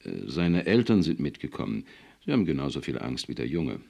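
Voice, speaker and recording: A man's voice: a bass voice, big pitch swings, fairly quick, vocal fry, darkish tone, heavily acted. A man voicing a chubby, cigar-chewing talent scout who talks eagerly and boastfully.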